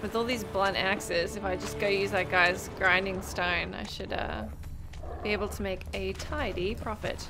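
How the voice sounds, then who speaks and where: Chatty streamer woman, thirties, medium pitch, reacting to a game, loud music. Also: fairly even intonation, moderate pace. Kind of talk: casual live gameplay commentary.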